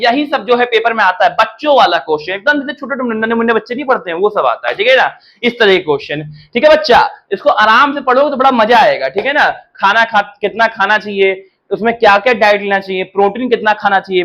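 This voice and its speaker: A man with a high voice gives a relaxed, informal lecture to college students. He often stops to check that they follow and tells them not to worry. The audio is dull and lo-fi. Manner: repetitive, checks in with "theek hai na", reassuring. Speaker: commerce teacher. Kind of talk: casual classroom-style lecture.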